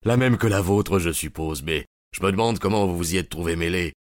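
A man reading an audiobook, voicing an excited police detective in a raised voice. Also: deep voice, a little fast, no room sound, studio quality, close to an everyday voice. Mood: eager.

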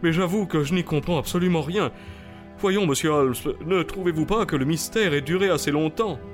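An actor playing a proud, agitated colonel who owns racehorses, excitable and stammering in French radio drama style. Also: male voice, on the high side, brisk, soft background music, natural voice. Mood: flustered. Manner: excitable, stammering when flustered.

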